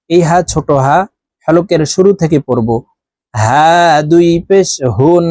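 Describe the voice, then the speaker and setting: A man teaching Quran letter pronunciation, reciting each letter and syllable slowly and clearly, with quick explanations in between. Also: high voice, mellow, dry recording. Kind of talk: slow recitation drill.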